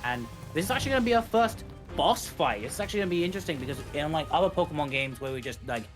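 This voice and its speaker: Animated and racing along in a slightly high voice, a man narrates a speedrun live, explaining things, wandering a bit and rewording himself, with game music playing behind him.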